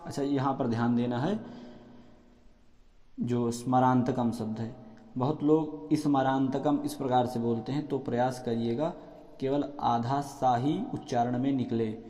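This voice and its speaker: A male teacher slowly chants verses line by line and repeats them. Between lines he gives quieter spoken notes on pronunciation. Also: medium pitch, fairly even intonation. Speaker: recitation teacher. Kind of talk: slow verse chanting lesson. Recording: echoey long-reverb hall, dull lo-fi sound, faint music.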